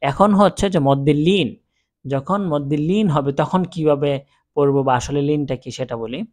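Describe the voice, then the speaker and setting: A man teaching Quran reading, spelling out letters and reciting words slowly and drawn out, and often checking in with the viewer. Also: a little high, steady tone, darkish tone. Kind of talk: step-by-step recitation lesson.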